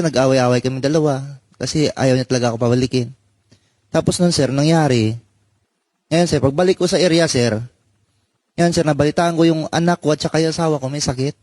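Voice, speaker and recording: A man, a former soldier, telling a personal story in halting speech and saying "sir" at almost every pause. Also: fairly high pitch, darkish tone, no echo. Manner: halting, addresses listener as sir constantly. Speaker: former soldier giving testimony. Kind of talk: emotional personal account.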